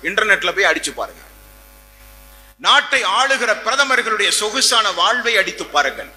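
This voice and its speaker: Long hall reverb surrounds this Islamic preacher from Tamil Nadu, India, as he gives a passionate sermon built on repetition and rhetorical questions. His high voice is bright and forceful, very animated, at a moderate pace.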